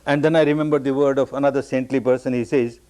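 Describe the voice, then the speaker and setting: A man from Burma giving a meditation discourse, telling his own story with repeated, emphatic phrases that jump up high on the key words. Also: fairly even intonation, fast talker, darkish tone. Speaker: meditation teacher.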